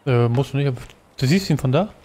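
A man's voice: mid-range voice, animated, fast talker, warm tone, slight background noise. A man chatting casually with a co-player while playing a video game. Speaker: let's play gamer. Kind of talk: casual gaming chat with a co-player.

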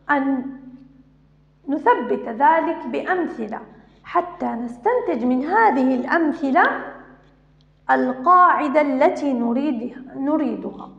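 A woman's voice: high voice, creaky. A woman teacher giving a recorded grammar lesson to young children, explaining patiently step by step and asking repeated questions. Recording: echoey room, dull lo-fi sound.

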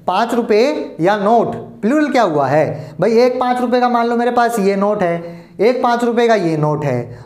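A man's voice: sits high, darkish tone. Man teaching grammar patiently. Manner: patient, repeats points, addresses students as "beta". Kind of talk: classroom lesson explaining at a board. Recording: echoey room.

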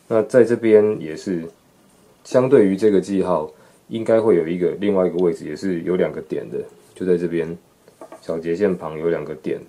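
A man's voice: sits low, warm tone. A man teaching how to read a sheet of music, explaining patiently step by step, counting beats aloud and scatting through passages.

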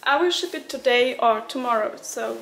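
A woman's voice: a little high, normal speed, gravelly, fairly bright tone, slight background noise. A young woman with a sick, congested voice, chatting casually in a daily vlog and laughing often. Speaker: vlogger.

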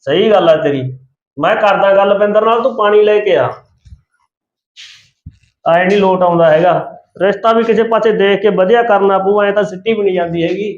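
A man's voice: high-pitched, normal speed, long pauses, roomy sound, dull audio, close to an everyday voice. A man playing an uncle who goes along with his wife's complaints. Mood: agreeable. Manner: agreeable, plain-spoken. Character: easily swayed village uncle.

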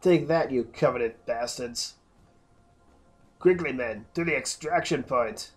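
A let's play host talks casually over his gameplay in a mid-range, slightly slow voice. He rambles, interrupts himself, and keeps restarting his sentences.

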